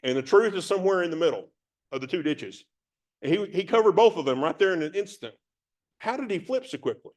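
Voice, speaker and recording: A man's voice: sits high, expressive, a little fast. A man teaching a Bible passage verse by verse, reading it from several translations and musing on it in a conversational way.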